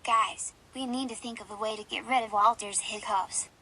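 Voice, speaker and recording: A woman voicing a cheerful bright kid. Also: a little high, fairly even intonation, moderate pace, slightly rough, heavily acted. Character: cheerful kid singer leading friends.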